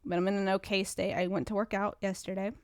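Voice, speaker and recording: A woman hosts her own podcast, chatting casually and rambling with frequent restarts while sounding stuffy and congested. Her medium-pitched, level voice is fast and a little mellow, captured as clean studio sound with no echo.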